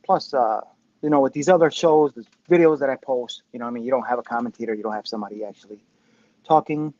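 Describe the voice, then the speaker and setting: A fifties-aged man hosts a loose commentary livestream, rambling with profane, self-deprecating humor. His medium-pitched voice is fast with a dark tone. There's no room sound, and his Bluetooth headset mic makes it dull and tinny.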